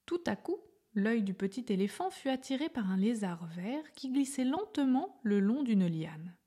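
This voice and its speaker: A woman reading a children's story aloud in a soft, gentle way, often half-whispered. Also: a little high, big pitch swings, normal speed, breathy edge.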